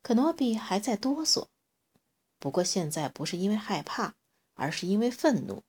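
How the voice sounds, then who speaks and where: A woman reading a children's story aloud in an expressive, unhurried way. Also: medium pitch, slightly rough.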